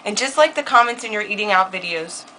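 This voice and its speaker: A young woman talks in a loose, joking vlog chat, full of laughter and casual swearing. Her voice is bright and forward, pitched in the middle for a woman, with a faint hiss of background noise underneath. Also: low-quality recording. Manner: animated, laughing, quick to curse. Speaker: vlogger.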